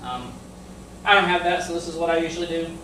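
Recorded off-mic on a distant camera mic in an echoey garage with a little hiss or hum, a middle-aged DIY vlogger talks fast in a slightly high voice. He casually explains a woodworking build in his garage workshop, relaxed and explanatory, with plenty of ums.

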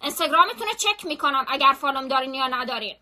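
A young woman telling a story on a live stream into her phone, chatty and animated, full of slang and repetition. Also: high-pitched.

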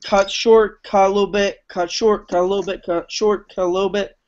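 A man's voice: sits high, flat delivery, brisk, slight background noise. Chatty young man on a video call. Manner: chatty, rambling with fillers. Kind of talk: casual chat. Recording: muffled video call audio.

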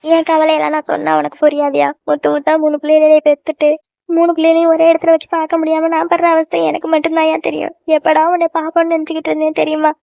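A woman's voice: high voice, fairly even intonation, racing, darkish tone, no echo, lo-fi sound, natural voice. A woman voicing a fussing cartoon village mother. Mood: tearful. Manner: scolding, then tearful and doting. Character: scolding, emotional middle-aged village mother. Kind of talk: cartoon voice acting.

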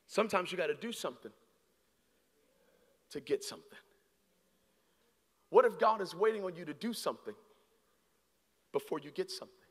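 A man in his thirties preaching a sermon on a large church stage with a handheld mic, swinging from hushed, slow lines to shouted peaks. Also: high voice, expressive. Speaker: guest preacher. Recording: long hall reverb.

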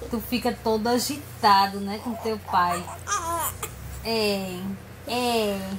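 A woman's voice: medium pitch, steady tone, takes it slowly. A mother cooing and coaxing her baby in sing-song baby talk at home, filmed from across the bedroom. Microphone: camera held by someone else, at a distance. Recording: echoey room, far from mic, background noise.

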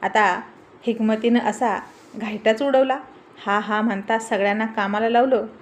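Woman reading a story out loud, steady and expressive, fairly high voice. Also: measured pace, a little hiss or hum. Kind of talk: storybook narration.

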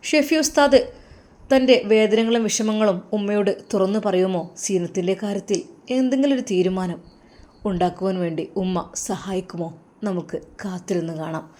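Woman telling a gentle moral story. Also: mid-range voice, moderate pace. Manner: plays every part herself, gentle and earnest. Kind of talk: scripted narration of a moral story.

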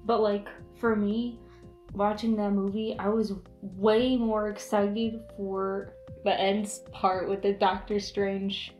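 A young woman chats casually at a table, giggly and rambling, sprinkling her sentences with "like." The camera mic sits a few feet off, so the small room adds a noticeable echo. Faint music plays softly behind her. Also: mid-range voice, flat delivery, slow, lo-fi sound. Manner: chatty and giggly, full of "like" fillers. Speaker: host. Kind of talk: casual chat.

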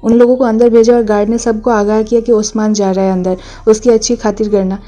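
A woman's voice: on the high side, little pitch movement, fast, dark tone, soft background music. A woman narrating a casual recap of a drama episode, reading each character's lines in her own plain voice.

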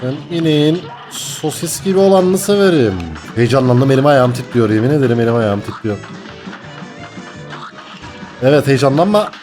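A young man commentating his gameplay, excitable and jokey, swinging from mock panic to laughter. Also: medium pitch, normal speed, soft background music. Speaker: gaming YouTuber.

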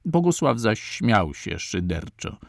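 A man narrating an audiobook with a measured, dramatic reading. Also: fairly low pitch, sing-song, gravelly, no echo, clean studio sound. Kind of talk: audiobook reading of a historical novel.

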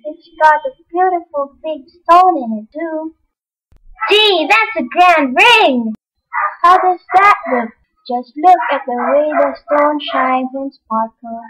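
A woman playing an excitable, plucky young orphan girl in an amateur radio play, gushing in folksy slang. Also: high-pitched, takes it slowly, poor audio. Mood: thrilled. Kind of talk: old-time radio play acting by an amateur.

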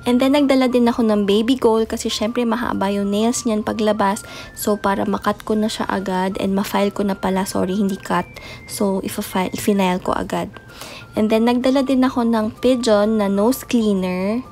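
This young mom vlogger speaks at medium pitch with fairly even intonation and a moderate pace. In a casual voice-over with faint music, she presents baby items in a soft late-night voice, chatting and sprinkling in English words.

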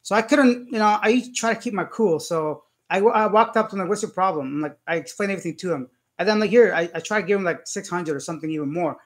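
A man hosting a casual live Q&A, telling an animated story with lots of quoted back-and-forth and reading out viewer comments. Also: high-pitched, fast, few pauses. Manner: reads out chat comments and greets viewers; gets worked up retelling a dispute. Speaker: livestream host answering viewer comments.

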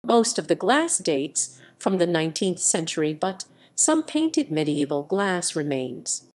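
A woman reading an encyclopedia article aloud in an even narration, reading symbols and captions out literally. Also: medium pitch. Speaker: article reader.

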